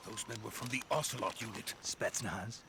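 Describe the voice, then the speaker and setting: A calm tough soldier, low voice. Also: male voice, normal speed, vocal fry. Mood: steady. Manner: calm, reassuring, low-key.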